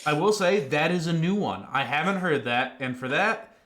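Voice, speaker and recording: A man's voice: fairly high pitch, lively intonation, moderate pace, fairly bright tone. A man narrating a tabletop game as game master.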